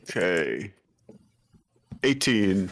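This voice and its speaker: Slow, hesitant man player, lively pitch. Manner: hesitant, stammering, giggly. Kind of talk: casual tabletop play.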